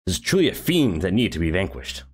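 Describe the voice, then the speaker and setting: Fast, animated man reading a game story. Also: sits low, breathy edge. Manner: sarcastic asides, animated reading. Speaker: streamer.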